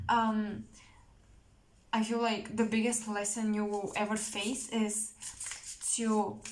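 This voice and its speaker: A woman giving an intuitive tarot reading straight to the viewer, halting and searching for words, earnest and emotional. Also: medium pitch, a little hiss or hum, poor audio. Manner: slow, halting, searching for words with many restarts. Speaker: tarot reader.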